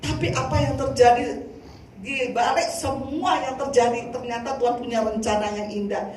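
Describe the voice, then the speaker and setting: An older woman evangelist from Indonesia giving a lively sermon testimony, often turning to the congregation. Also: a little high, moderate pace. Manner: lively storytelling, addresses congregation as saudara. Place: church hall. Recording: echoey hall from far off, faint noise.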